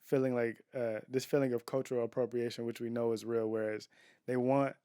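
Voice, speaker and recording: A man's voice: mid-range voice, little pitch movement, brisk, mellow, clean tone, no room sound, studio quality. A man co-hosting a casual couples podcast from home, talking in an opinionated, emphatic way. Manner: opinionated, emphatic, restarts and fillers. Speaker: podcast co-host. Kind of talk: casual chat.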